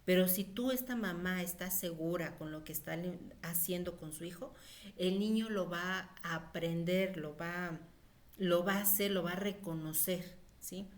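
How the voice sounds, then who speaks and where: A woman giving an informal lecture on pediatric nutrition, chatty, with many fillers. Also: lowish voice. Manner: conversational, with frequent fillers and acted-out quotes of mothers.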